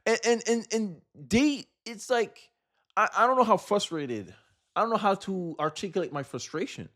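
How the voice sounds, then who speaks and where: An American man with a high, fairly bright voice gives casual, opinionated takes on politics at a normal speed. He's animated, exasperated and emphatic, throwing out one rhetorical question after another.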